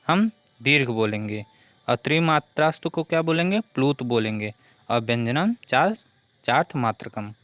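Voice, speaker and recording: A man's voice: mid-range voice, a bit bright, clean tone, dry recording. A man teaching a grammar lesson for exam preparation who keeps asking questions and answering them himself.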